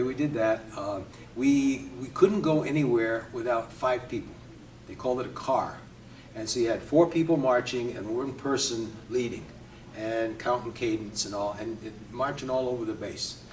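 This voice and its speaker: An older man from Connecticut, a Navy veteran, reminisces in an easygoing interview, often chuckling and pausing with hesitations. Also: medium pitch, a little hiss or hum. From Connecticut, USA. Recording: roomy, distant from mic, faint ambience.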